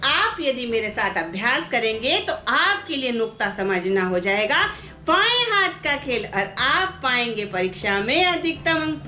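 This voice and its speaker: A woman's voice: on the high side, big pitch swings, sharp tone, roomy sound, soft background music. A woman teaching a language lesson, reading out practice words one by one and asking the class how to pronounce them. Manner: slow, deliberate pronunciation drills with rhetorical questions. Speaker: Hindi teacher. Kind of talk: classroom lesson, reading word lists aloud.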